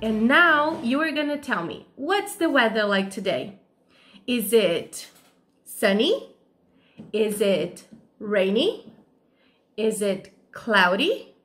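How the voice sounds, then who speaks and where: Slow sing-song woman teacher. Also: on the high side, big pitch swings, fairly bright tone, soft background music. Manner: slow, sing-song, encouraging questions to children. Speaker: kindergarten teacher. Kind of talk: online lesson for young children.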